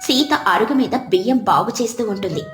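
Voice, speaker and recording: A woman telling a moral story in even, descriptive scripted narration. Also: medium pitch, brisk. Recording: roomy with soft background music.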